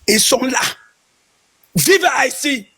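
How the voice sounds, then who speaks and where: A man's voice: extremely high pitch, lively intonation, slow, sharp tone, husky. A man from Cameroon with a heavy Cameroonian French accent, giving an impassioned speech on a live stream with rallying cries.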